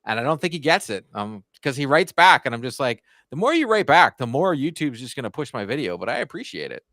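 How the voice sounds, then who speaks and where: A man's voice: mid-range voice, sing-song, fast talker, bright, forceful tone, no echo, studio quality. A man in his forties from Canada, chatting casually about his hockey channel with plenty of fillers and restarts. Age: 40s. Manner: chatty, rambling, lots of fillers. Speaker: hockey YouTuber guest. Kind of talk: casual podcast chat.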